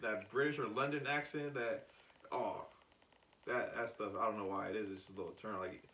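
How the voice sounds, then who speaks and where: A man's voice: on the low side, steady tone, fairly quick, sharp tone. A man co-hosting a podcast in casual chat, rambling and joking with filler words. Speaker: podcast co-host. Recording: echoey room, mic at a distance.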